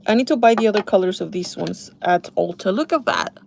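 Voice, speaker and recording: A woman's voice: medium pitch, expressive, a little fast, vocal fry, slight background noise. A woman in her thirties chatting casually to her viewers while doing her makeup, confiding and talking straight to them. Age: 30s. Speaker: beauty vlogger.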